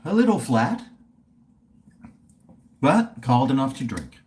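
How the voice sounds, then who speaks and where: A man's voice: medium pitch, very animated, slow pace, darkish tone. A middle-aged man, rambling casually on a livestream in a blokey, laid-back, sweary way. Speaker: livestream host. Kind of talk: casual rambling livestream chat while drinking beer.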